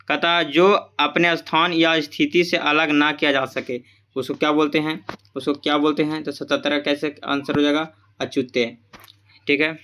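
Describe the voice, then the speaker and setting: A man's voice: fairly high pitch, a bit bright, clean tone. A man going through exam questions as a tutor, asking each answer back as a question, repeating it and mixing English terms into his explanations.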